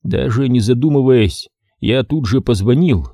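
A man reads a first-person detective story aloud in a wry, expressive manner. His voice is dark and mellow, with a lively pitch that moves freely. The recording is close and dry. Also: a little slow, no room sound. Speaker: audiobook narrator.

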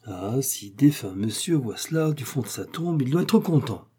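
A man's voice: medium pitch, expressive, moderate pace, dark tone, breathy edge. A man reading a story aloud, voicing a servile, shocked male concierge who stammers and pleads in a raised voice. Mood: fretful muttering. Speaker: character in a read story. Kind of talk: audiobook character reading.

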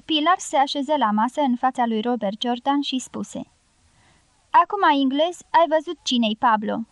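High-voiced woman reading an audiobook. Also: no echo. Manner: reads all characters' dialogue in her own voice. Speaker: audiobook narrator. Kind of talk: scripted audiobook narration.

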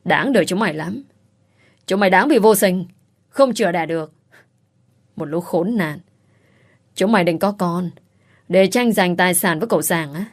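Woman doing a frantic servant girl for an audio story, lowish voice, shrill pleading. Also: expressive, normal speed, pauses often. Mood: raging. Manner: pleading then screaming curses. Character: scheming young female servant, shrill and desperate.

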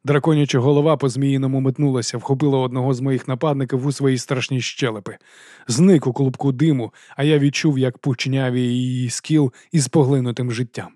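A man reading a fantasy audiobook, narrating in a measured first-person storytelling manner. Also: medium pitch, steady tone, dark tone, no room sound, clean studio sound.

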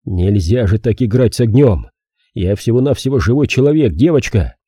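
A man voicing a gruff, blunt detective in his thirties in an audiobook. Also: mid-range voice, expressive, normal speed, dark tone, no echo, studio quality. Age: 30s.

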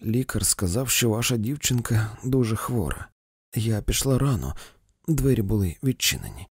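A man's voice: fairly low pitch, lively intonation, moderate pace, slightly rough, no echo, clean studio sound. A man reading a story, voicing a composed young woman who gives firm, curt orders.

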